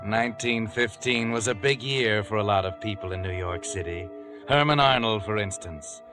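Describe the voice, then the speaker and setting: A man's voice: lowish voice, normal speed, loud music behind the voice, close to an everyday voice. An actor playing a sinister, all-knowing man of the night who narrates a 1940s radio mystery in an ominous, dramatic way. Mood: knowing, grim.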